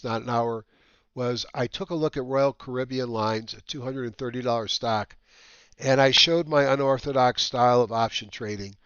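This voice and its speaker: A man with a whistling nose hosting a market update as a trading educator, talking casually and haltingly with rambling asides. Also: mid-range voice, a bit bright, smooth, no room sound. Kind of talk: casual semi-scripted market commentary. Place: dry room at home. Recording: slightly dull, lo-fi dry recording.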